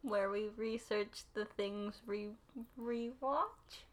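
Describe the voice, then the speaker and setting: A woman co-hosting a podcast, bantering playfully in casual chat. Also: mid-range voice. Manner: playful, quick back-and-forth banter. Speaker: podcast co-host.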